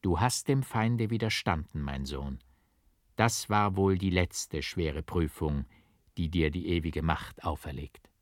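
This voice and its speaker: A man voicing a calm, gentle old monastery prior who speaks softly and gravely, in a dry audiobook reading. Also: low-pitched, slow, dry recording, pitched below the performer's own voice.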